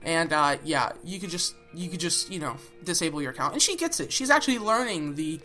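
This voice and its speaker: A woman's voice: low voice, expressive, fairly quick, sharp tone. A young woman hosting a reaction video, talking bluntly and sarcastically and swearing freely. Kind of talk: casual reaction commentary. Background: background music.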